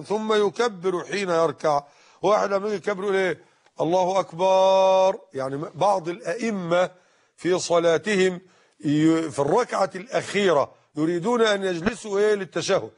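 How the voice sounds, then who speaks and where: A man with an Egyptian accent giving a religious lesson, correcting pronunciation and admonishing his listeners. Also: high voice. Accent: Egyptian Arabic. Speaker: religious teacher. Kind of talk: religious lesson explaining hadith.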